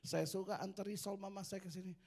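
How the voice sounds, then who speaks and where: A male pastor preaching and telling a story with lively delivery. His voice sits fairly high for a man. It is husky and gravelly. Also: fast. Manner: animated storytelling. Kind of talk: storytelling sermon.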